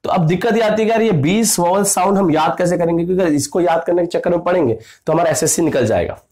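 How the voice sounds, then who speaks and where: A male teacher giving an exam-prep grammar lesson, lively, asking questions and answering them himself, calling his students "sarkar". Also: high-pitched, fast. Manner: acts out classroom anecdotes.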